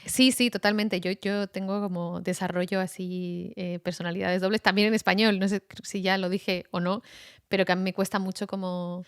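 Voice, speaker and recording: A woman talking as a guest on a podcast in a relaxed conversation. She is animated and laughs often. Her voice sits in the middle range, recorded dry and close. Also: mid-range voice, moderate pace, clean tone, no echo. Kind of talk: casual conversation.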